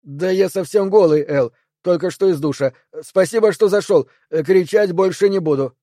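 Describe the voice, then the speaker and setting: A paranoid, enraged man who rants at the creatures inside his body in a raised, loud voice, as a narrator puts him on. The timbre stays warm and mellow, recorded dry and close. It is a dark audiobook thriller. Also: a little high, normal speed, no echo, close to an everyday voice. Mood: placating. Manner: raised, angry, ranting. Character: Perry, infected man, raging and paranoid.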